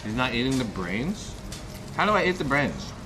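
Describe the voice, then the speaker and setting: A thirty-something man streams live while dining alone indoors at a restaurant, rambling casually, swearing and often asking viewers things. His mid-range voice swings widely in pitch at a moderate pace, with background noise and music behind him.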